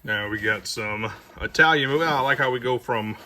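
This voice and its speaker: A man's voice: mid-range voice, normal speed, pushed and bright, slight background noise. A man giving a casual, rambling tour of his movie collection, with audible heavy breathing. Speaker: video collector showing his shelves.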